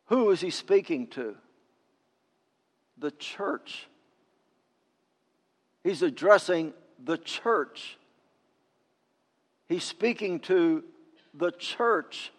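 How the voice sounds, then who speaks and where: A male pastor preaching a sermon, emphatic, swinging between loud declarations and hushed appeals, in a church sanctuary. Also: high-pitched, animated, drawn-out words, long pauses, big-room sound.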